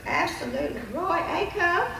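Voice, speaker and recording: Woman playing a very high, coy country comedienne. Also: expressive, normal speed, gravelly, a loud crowd, exaggerated voice. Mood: coy, playful. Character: coy female country comedy star impostor, fibbing. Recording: echoey noisy room, distant mic, audience.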